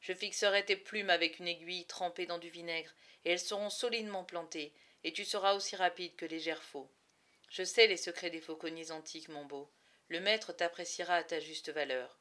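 A woman voicing a cunning male falconer who speaks softly and coaxingly, with a quiet menace, in a storybook reading. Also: lowish voice, fairly even intonation, fairly quick. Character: cunning adult male falconer, sweet-voiced and sinister.

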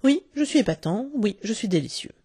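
A woman's voice: on the low side, sing-song, fast, vocal fry, warm tone, slightly rough, dry recording, studio quality, full character voice. A woman voicing a boastful, cocky young boy who can fly, in a storybook reading. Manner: boastful, self-satisfied.

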